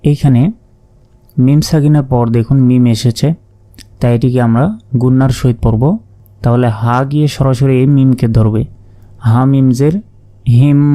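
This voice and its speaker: A man with a Bangladeshi Bengali accent teaching Quran recitation, spelling out each word letter by letter in a slow, methodical way. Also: medium pitch, warm tone.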